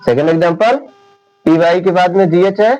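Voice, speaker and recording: A man teaching an English lesson, talking slowly and deliberately and repeating each point. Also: sits high, a little mellow, rough recording. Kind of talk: classroom lecture.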